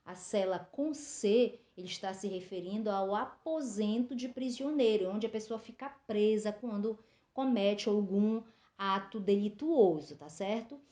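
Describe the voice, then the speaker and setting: A woman's voice: medium pitch, unhurried, warm tone. Woman teacher in an echoey room. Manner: explanatory, many "tá?" and "é" fillers. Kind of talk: recorded school lesson. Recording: roomy echo.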